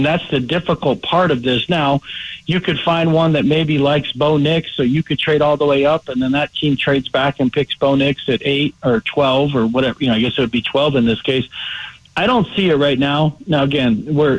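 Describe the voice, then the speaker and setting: A man, a sports insider calling in by phone, giving measured analysis, often hedging with "I mean" and "you know". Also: on the high side, dry recording, rough recording. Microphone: phone line.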